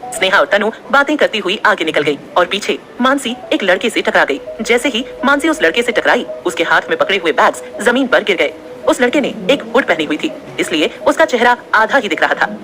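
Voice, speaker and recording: A woman narrating an audio story in an expressive, steady storytelling manner. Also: mid-range voice, fairly quick, background noise.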